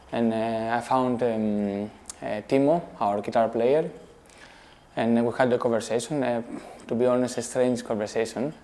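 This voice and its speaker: A man's voice: medium pitch, a little mellow, slight background noise. A man from Greece, a drummer who speaks hesitantly and searches for words in a documentary interview.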